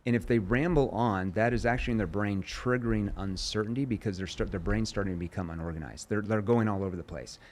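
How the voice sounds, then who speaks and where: Fast-talking assertive sales trainer man. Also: on the low side, a little hiss or hum. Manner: assertive, calm, acts out example phrases. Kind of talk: conversational coaching.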